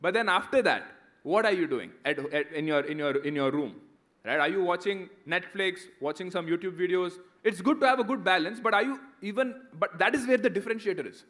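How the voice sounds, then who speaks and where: Homem indiano de uns trinta anos, com sotaque inglês indiano e voz um pouco aguda, fala de forma coloquial e motivacional para estudantes, perguntando "right?" a cada passo. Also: male voice, high voice, a little fast, a bit bright. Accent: Indian English. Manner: conversational, keeps asking "right?". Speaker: guest speaker answering students. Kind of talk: motivational talk and Q&A.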